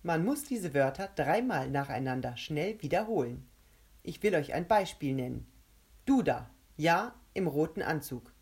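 A woman voicing a gloating male monster made of a huge mouth, who taunts and shouts triumphantly. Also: low voice, very animated, measured pace, breathy edge, heavily acted.

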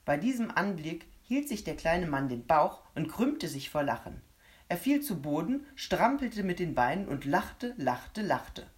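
A woman narrating a children's story in steady storytelling. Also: lowish voice, unhurried. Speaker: audiobook narrator.

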